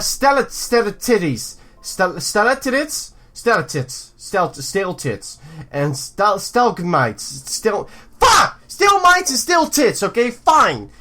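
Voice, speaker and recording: Pushed and bright, this man's high voice swings hugely in pitch, running a little slow with few pauses. Hosting a let's play, he reads the visual novel's story text aloud, cracks jokes, and deliberately trips over and repeats words while commenting playfully on the game.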